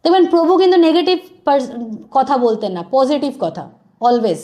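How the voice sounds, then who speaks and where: Woman preacher, high voice, urging and earnest, drops english words in her sermon. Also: sing-song, normal speed, warm tone.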